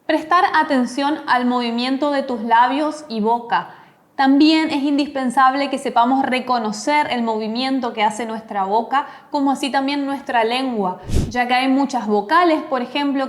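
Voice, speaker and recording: A woman teaching an online English lesson, explaining step by step and modeling words aloud. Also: on the high side. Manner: explains slowly, demonstrates English pronunciation.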